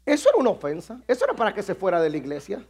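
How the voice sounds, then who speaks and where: A man with a strikingly high voice delivers a sermon as pastor. His preaching is emphatic and repetitive, and it swells into shouting at its peaks. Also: huge pitch swings, rapid-fire, husky.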